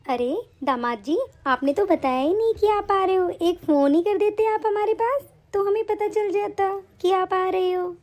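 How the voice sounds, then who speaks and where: A woman voicing a domineering, harsh mother-in-law in an animated cartoon. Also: very high voice, normal speed, hardly any pauses. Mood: scolding. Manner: harsh, scolding.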